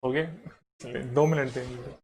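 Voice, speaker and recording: A man teaching an online lecture, going over each rule slowly and repeating it step by step. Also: mid-range voice, fairly even intonation, darkish tone. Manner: repetitive, explains slowly step by step.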